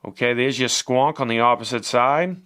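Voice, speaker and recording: A man's voice: medium pitch, moderate pace, fairly bright tone. A man giving a casual, chatty product review as he unboxes and shows a device, swearing now and then.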